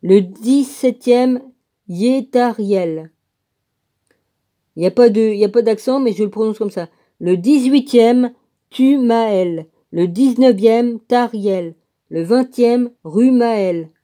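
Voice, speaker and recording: Woman, slow home reading, dark and mellow tone, spells names out, chatty asides. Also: a little high. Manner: slow, spells out names letter by letter, comments as she goes. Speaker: reader of a religious text. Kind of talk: casual reading aloud with asides.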